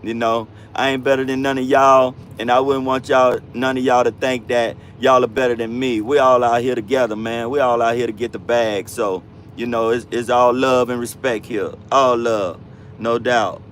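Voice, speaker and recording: A laid-back man in his fifties chatting on a livestream, his voice sitting at an ordinary middle pitch. He talks in loose, slang-heavy phrases and keeps calling his viewers bro and fam. Faint traffic noise hums in the background. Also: steady tone, moderate pace, fairly bright tone. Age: 50s. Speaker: livestream host, truck driver. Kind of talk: casual livestream chat reading viewer comments.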